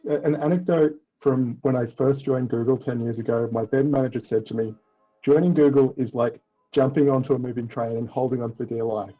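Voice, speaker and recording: Husky man, informal self-deprecating tech talk. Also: mid-range voice. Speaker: software engineer speaker. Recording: dull muffled audio, faint music.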